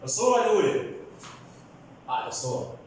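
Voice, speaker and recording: A man's voice: high-pitched, sing-song, quick pace, a little hiss or hum. A man with an Iraqi accent teaching young children to read, patiently questioning and drilling syllables in a sing-song way. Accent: Iraqi Arabic. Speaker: primary school teacher. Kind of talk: early reading lesson for children. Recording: very echoey room, voice from far off.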